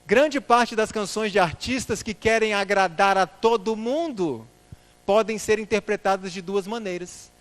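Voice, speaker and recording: A man's voice: sits high, unhurried. A man giving a church lecture, putting rhetorical questions to the congregation and calling them brothers. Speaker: church speaker.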